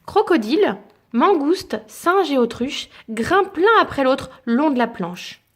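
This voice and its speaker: A woman with a fairly high voice reads a children's picture book aloud to her child. Her storytelling is lilting and expressive, with dramatic pauses before each turn of the tale. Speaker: parent reading a story aloud.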